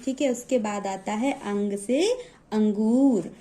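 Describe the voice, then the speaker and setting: A woman's voice: medium pitch, slow, mellow. A woman teaching children to read, patiently drawing out and repeating each example word and often checking that the listener is following. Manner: patient, stretches out example words and repeats them, frequent "okay?" check-ins. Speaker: Hindi teacher. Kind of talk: classroom-style reading lesson.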